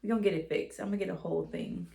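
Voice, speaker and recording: A woman's voice: on the low side, fairly even intonation, racing, gravelly, mellow. A woman vlogger talking through a controversy in casual commentary, chatty and joking with slangy asides.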